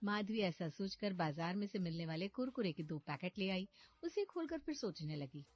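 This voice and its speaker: A woman narrating a cartoon story in a calm, even storybook manner. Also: mid-range voice, normal speed, no echo. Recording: slightly dull audio with background music.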